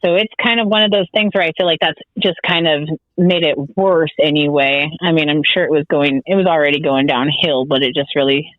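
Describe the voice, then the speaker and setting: A man speaking as a podcast guest, thoughtful and measured in casual chat. His voice sits fairly high. It comes through a tinny, phone-like call line with a dry sound. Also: fairly even intonation, no room sound.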